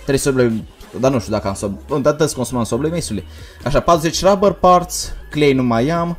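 A young man livestreaming a game, talking fast and energetically while reading out chat messages. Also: mid-range voice, soft background music. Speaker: gaming livestreamer. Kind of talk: casual livestream commentary.

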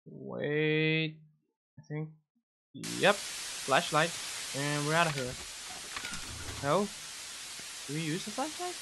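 A man's voice: fairly high pitch, expressive, takes it slowly, gravelly, pauses often. A young man commentating on his horror game playthrough, muttering and swearing to himself. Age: young adult. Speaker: gaming streamer. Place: indoors at a gaming desk. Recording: noticeable background hiss.

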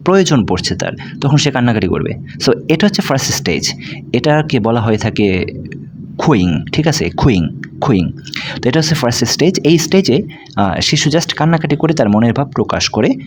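A man's voice: medium pitch, background noise. A man teaching an explanatory video lesson, patiently walking through points, mixing in English terms and asking rhetorical questions.

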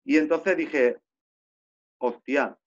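A man's voice: fairly high pitch, extremely slow. A man teaching an online storytelling class, telling a story theatrically and asking rhetorical questions. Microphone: video call. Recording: muffled video-call audio.

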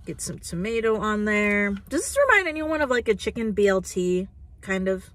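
A woman in her twenties reviews food while sitting in a parked car, filmed on a phone camera mounted on the dashboard. Her voice is medium-pitched, sing-song, and a bit bright at a moderate pace, and she chats away with plenty of "like" and "um."

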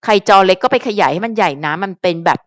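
A woman's voice: mid-range voice, lively intonation, fast talker, no echo, clean studio sound. A young woman chatting casually to her viewers as a fan vlogger, calling herself by her nickname and thinking aloud as she goes. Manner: talks to viewers directly, musing aloud. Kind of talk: casual chat.

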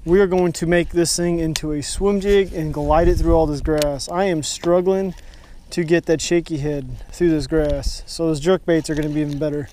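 A young man from Texas in a kayak on an open lake, talking excitedly to viewers as he fishes, recorded on a head-mounted action camera. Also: a little high, moderate pace, a little hiss or hum. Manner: excitable, talks to viewers while fishing. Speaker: fishing vlogger. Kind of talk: casual first-person fishing commentary.

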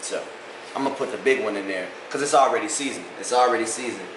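A man's voice: lowish voice, quick pace. Young guy, louisiana accent, chill joking cooking vlog, echoey kitchen, phone on the counter. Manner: joking, laid-back, teasing. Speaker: cooking vlogger. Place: home kitchen, indoors. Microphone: phone camera on the counter. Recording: echoey kitchen with background noise.

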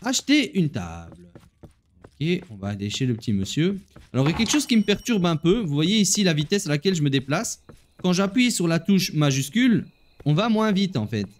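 Man, gameplay commentary, chatty, very animated pitch, playful. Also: a little fast, a little hiss or hum. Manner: chatty, talks straight to viewers while playing; playful, laughs at himself. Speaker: gaming video host.

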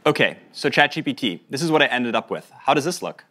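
A man speaking in a live product demo, playful and quick as he talks to an AI. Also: mid-range voice, sing-song, sharp tone.

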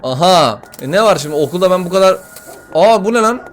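A young man playing a horror game, swearing, joking and yelling at the game as he comments. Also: high-pitched, expressive, fairly quick, soft background music. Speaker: gaming YouTuber.

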